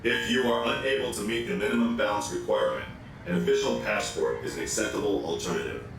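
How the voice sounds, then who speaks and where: An actor voicing a stern male robot security guard, with a robotic filter on his voice and a flat, officious way of reciting rules. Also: on the low side, quick pace. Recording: echoey, distant game audio with loud music.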